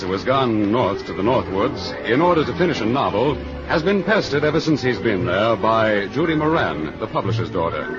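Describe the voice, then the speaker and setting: Old radio announcer played by a man, theatrical formal narration, animated intonation, dull vintage recording, loud music. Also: medium pitch, close to an everyday voice. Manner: formal, theatrical presenting of a play. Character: old radio announcer introducing acts of a play.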